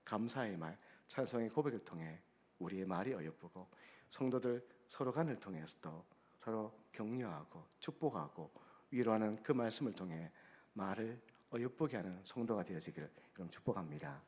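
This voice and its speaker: A man, a guest pastor, delivering a sermon, preaching emphatically with sharp swings between soft and loud and acting out the people in his stories. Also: lowish voice, lively intonation, normal speed. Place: church sanctuary. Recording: long church-hall reverb.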